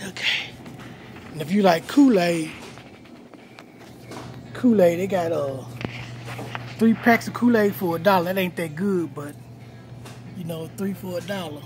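A middle-aged man filming a casual walkthrough of a store aisle on a phone at arm's length, pointing out prices to viewers over and over. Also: high-pitched. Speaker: vlogger. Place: large store aisle indoors. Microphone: phone held at arm's length. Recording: noisy store ambience.

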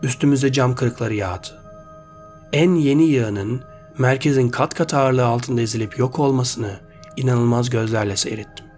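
A man reads a short story aloud as narrator, in a steady, measured way. His voice sits at an ordinary pitch for a man. Soft background music runs under the reading.

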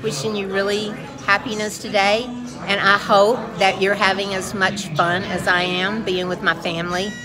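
A woman's voice: medium pitch, flat delivery, moderate pace, a crowd in the background. A woman in her fifties chatting casually for her vlog, gushing and proud, filmed on a phone at arm's length. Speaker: vlogger. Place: home kitchen, then restaurant bar with TVs. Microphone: phone camera at arm's length.

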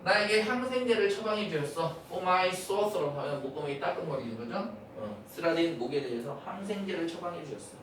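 A man teaching English, explaining a textbook dialogue in quick bursts, repeating key words and correcting pronunciation. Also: fairly high pitch, lively intonation, fairly bright tone. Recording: echoey room, mic at a distance, faint hiss.

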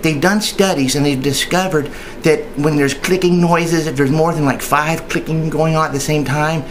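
Speaking in an informal training video, a man from a union passes on tips, chatting hesitantly, rambling and repeating himself a lot. He has a slightly high voice, a steady tone and a moderate pace, and the low-quality recording carries a little hiss or hum.

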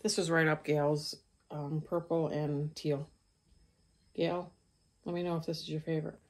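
A woman's voice: low-pitched, flat delivery, measured pace, darkish tone. A middle-aged woman hosting a stitching vlog, chatting casually about her craft purchases with frequent ums and restarts. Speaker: craft channel host.

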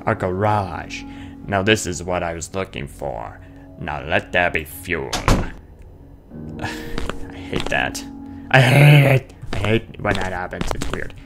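In a deep, very animated voice with vocal fry, a gamer slowly talks his way through a horror video game in a casual, playful let's play. He chats, mutters to himself, reads on-screen notes aloud, and sings nonsense sounds, with game music in the background.

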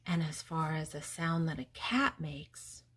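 In a deep, slightly bright voice with a breathy edge, an older woman reads a picture book to young children. She goes slowly and teacherly, pausing between words as she asks questions and answers them.

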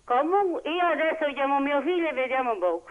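Over a thin, tinny phone line, a middle-aged Neapolitan woman speaks in a high-pitched voice. She protests insistently and repeats her phrases as she argues. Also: expressive, fairly quick. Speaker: phone-in prank target. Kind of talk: agitated phone conversation.

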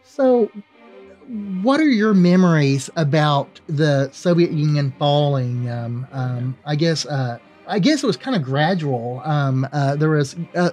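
A man's voice: fairly high pitch, expressive, measured pace, a little mellow, soft background music. A man in his thirties asking casual interview questions into a studio microphone. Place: indoor studio. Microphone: studio microphone on a stand.

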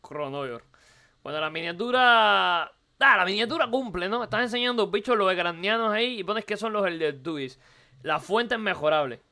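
A man with a Cuban Spanish accent, slightly hoarse, giving animated, teasing live-stream commentary on a viewer's video, repeating himself and throwing out questions. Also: high voice, normal speed. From Cuba. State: hoarse from recording the night before.

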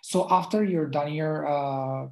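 Speaking slowly over a video call, a male dermatologist and native Arabic speaker presents slides in a relaxed online lecture, full of fillers and restarts. His voice is on the high side, creaky, and slightly mellow.

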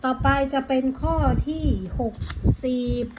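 A woman teacher with a Thai accent, patiently walking children through English exam questions, reading the English lines out slowly and calling the listener "child". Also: background noise. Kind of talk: exam prep lesson.

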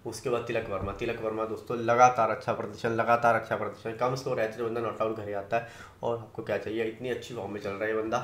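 A man giving fantasy cricket team tips in fast casual talk, confident, often checking in with his listeners. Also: lowish voice, level tone, fairly bright tone, echoey room, a little hiss or hum. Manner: rapid, confident, keeps tagging "है ना" and "दोस्तों".

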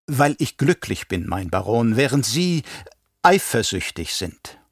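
A man's voice: medium pitch, very animated, measured pace, no room sound, clean studio sound. A man reading an audiobook and voicing a sly, mocking assassin advisor who taunts his master. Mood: taunting. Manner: smug, taunting.

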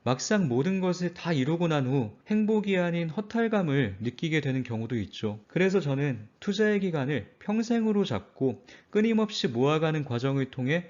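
Calm earnest man, lo-fi narration. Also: a little high, normal speed, hardly any pauses. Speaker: finance channel host. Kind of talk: scripted narration.

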